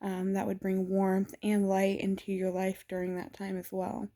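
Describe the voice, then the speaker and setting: A woman vlogger giving a casual spoken explainer, hesitant and pausing often with fillers. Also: medium pitch, monotone, warm tone. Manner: hesitant, frequent filler pauses.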